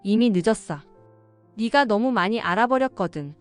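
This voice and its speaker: A woman's voice: animated, normal speed, faint music behind, natural voice. A woman reading a hysterical female villain. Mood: cold. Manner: shrill, frantic shouting. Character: young woman villain, cold then hysterical.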